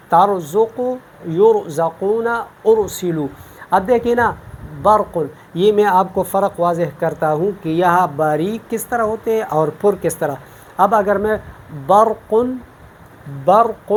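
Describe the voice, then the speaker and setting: A man teaching Quran recitation rules, who explains patiently and recites example words slowly to contrast them. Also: sits high, slight background noise.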